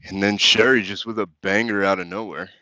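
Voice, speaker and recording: A man's voice: on the low side, steady tone, brisk, pushed and bright, no room sound, highs cut off. A man doing a push-up challenge on a live stream, reading chat comments aloud and cursing as he jokes, a little out of breath between sets. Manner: crude, joking, reads chat comments aloud with laughs.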